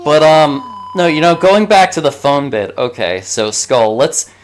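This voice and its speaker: A man's voice: fairly high pitch, a little slow. A man chatting loosely on a gaming stream, laughing and riffing on jokes with friends. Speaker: streamer co-host. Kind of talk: casual chat. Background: game music.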